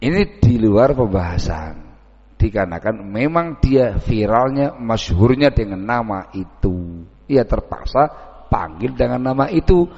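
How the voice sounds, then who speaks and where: A man's voice: on the low side, lively intonation, a little slow, a little mellow, breathy edge, faint music behind. A man giving a dawn sermon, telling folksy stories and acting out village conversations. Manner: folksy storytelling, acts out village dialogues. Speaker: preacher. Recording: echoey hall, dull lo-fi sound.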